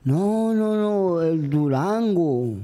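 A man's voice: sits high, lively intonation, dark tone. A man, co-hosting a podcast in casual joking banter, playful and teasing. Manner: playful, drawn-out teasing replies. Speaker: podcast co-host.

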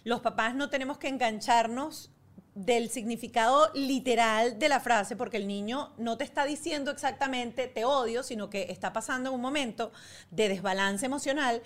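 A woman's voice: on the high side, normal speed. A woman hosting a parenting interview show, asking thoughtful follow-up questions in a casual tone. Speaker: host.

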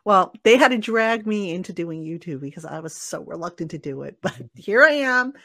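An animated, fairly quick man hosts a live sports talk show, his high voice creaky, pushed and bright, not a radio voice by his own account. He rambles, puts himself down and often stammers and restarts, and the studio-quality recording is dry.

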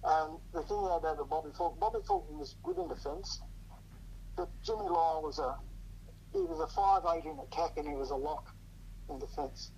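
An older man, a guest chatting casually in a rambling, hesitant way, heard through a low quality speakerphone recording. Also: expressive, normal speed, a little mellow, a little hiss or hum, low-quality recording. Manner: rambling, hesitant, full of ums and restarts. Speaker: guest on a podcast, host's father. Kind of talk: casual chat about rugby league.

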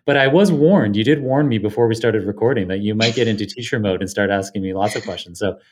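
In a home studio, with his guest connected remotely, a tech podcast host opens with an enthusiastic scripted intro before sliding into casual conversation. His voice sits on the low side and moves quickly, and his manner is effusive and eager. A little hiss or hum runs under the recording.

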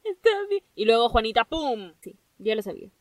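A woman hosting a solo podcast, giving an excitable, gushing pep talk and dropping English phrases into her speech. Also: fairly high pitch, fairly quick, no echo, distant mic. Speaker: podcast host.

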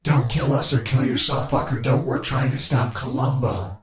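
A man's voice: medium pitch, steady tone, normal speed, a crowd in the background, close to an everyday voice. A man voicing hostile alien voices inside a character's head, with a menacing, whispering manner.

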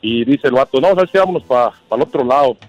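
A man's voice: mid-range voice, lively intonation, fast talker, no echo, highs cut off, faint music behind. A man calling in to a radio show, telling a rambling story in casual slang with hesitant restarts. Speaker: caller.

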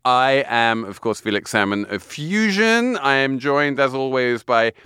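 A man's voice: medium pitch, big pitch swings, a little slow, pushed and bright, clean tone, no room sound, studio quality. A British man hosting a podcast in a conversational manner. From United Kingdom. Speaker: podcast host. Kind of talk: conversational show hosting and sponsor reads. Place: studio.

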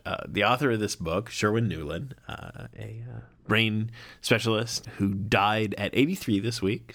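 Low-voiced man co-hosting a casual podcast. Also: no echo. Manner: animated, profane, laughs often. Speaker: podcast co-host. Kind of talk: casual chat.

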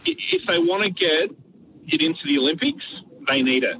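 Radio caller: Australian man, highish, measured debater, dull noisy line. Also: very animated. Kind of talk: casual argument. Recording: distant, muffled, noisy phone call to radio.

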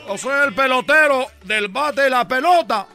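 With faint music in the background, a man performs a heavily acted, very high, animated voice for a cocky baseball player in a radio sketch. Speaking at normal speed in a pushed, bright tone, he brags, teases, and chuckles through a put-on Caribbean Spanish accent, dropping his R's.

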